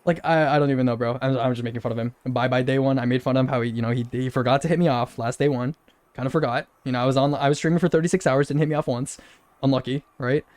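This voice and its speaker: A man's voice: mid-range voice, fairly even intonation, quick pace, darkish tone, no room sound. A young man telling a long story, rambling and repeating himself with incredulous laughs. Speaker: streamer. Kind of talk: casual storytelling rant.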